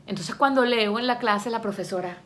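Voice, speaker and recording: A woman talking casually to her viewers, chatty and expressive and often laughing as she tells stories. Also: a little high, fairly quick. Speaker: vlogger and language learner. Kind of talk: casual talk to camera.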